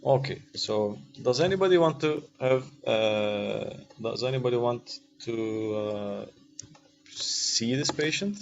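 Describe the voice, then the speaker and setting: Teaching radiology in an online video-call class, a man with a Turkish accent uses English as a second language, hesitating often and repeatedly checking his students' understanding in an informal, interactive way. His mid-range voice is animated and slow, with vocal fry. The call audio is dull and lo-fi, with faint noise.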